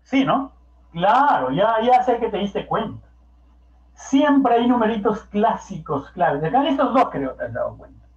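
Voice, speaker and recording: Coaxing, questioning math teacher. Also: male voice, sits high, sing-song, a little slow. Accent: Peruvian Spanish. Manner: coaxing, peppered with rhetorical questions. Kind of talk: classroom lecture. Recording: echoey, dull lo-fi classroom recording.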